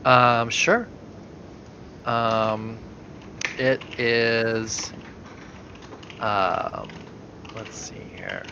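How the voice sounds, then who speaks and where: A man's voice: fairly low pitch, expressive, very slow, vocal fry, long pauses, lo-fi sound, background noise. A man narrating a tabletop game as game master, hesitant and full of fillers.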